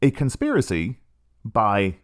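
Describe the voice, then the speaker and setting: A man's voice: fairly low pitch, wildly swooping pitch, a little slow. A middle-aged man hosting a podcast, telling a story in a sardonic, casual monologue. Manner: sardonic, storytelling with acted quotes. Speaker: podcast host.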